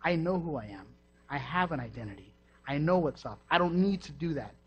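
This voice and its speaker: A man voicing Jesus as hungry but calm, musing plainly, in a dull lo-fi recording. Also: a little high, a little fast, breathy edge. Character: hungry, weary Jesus reasoning calmly.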